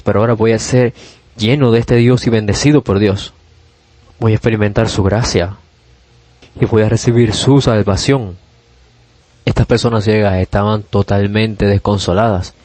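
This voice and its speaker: A man's voice: on the low side, darkish tone, no room sound. A man preaching a sermon in an earnest, emphatic way, often repeating key phrases.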